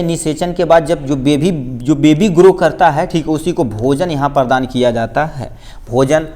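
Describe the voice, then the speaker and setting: A man's voice: on the high side, darkish tone. A man teaching a school biology lesson, explaining step by step and often checking in with his students. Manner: explains step by step, repeating key points with frequent checks of "theek hai". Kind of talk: class 10 board exam biology lesson.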